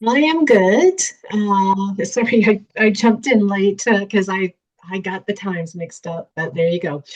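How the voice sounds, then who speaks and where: A woman's voice: medium pitch, a little slow, darkish tone, rough recording. A woman from Ontario, Canada, chatting on a group call, giggly and hesitant with many fillers. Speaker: participant. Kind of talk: casual chat.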